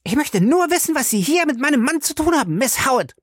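A man reading an audiobook and voicing a jealous wife who screams her accusations in a shrill, cracking voice. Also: sing-song, quick pace, no echo, studio quality. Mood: furious. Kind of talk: audiobook character voice.

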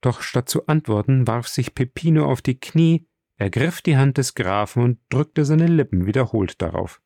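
A man narrating a classic novel as an audiobook, measured and even. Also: medium pitch, vocal fry, no room sound, studio quality.

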